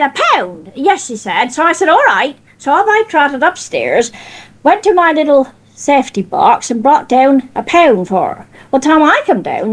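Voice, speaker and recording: An older woman with a broad West Country accent from Cornwall, telling informal anecdotes and acting out the conversations in dialect. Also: high voice. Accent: Cornish West Country. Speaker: storyteller of personal anecdotes.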